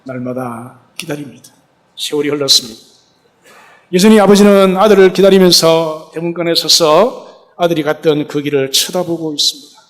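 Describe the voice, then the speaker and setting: A man's voice: on the high side, normal speed. A male pastor preaching a sermon, retelling a parable and asking rhetorical questions.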